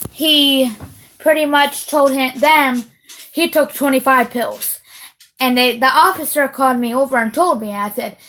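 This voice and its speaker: Ranting young-sounding woman, fairly high voice. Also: measured pace, a bit bright, poor audio. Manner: heated, repetitive, swearing. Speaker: vlogger. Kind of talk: casual direct-to-camera rant.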